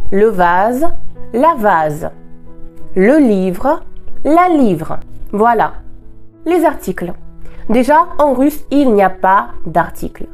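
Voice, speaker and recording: Russian-born woman teaching a language, clear careful delivery, slows right down on example words, faint music under it. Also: a little high, a little mellow. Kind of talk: scripted explanatory lesson.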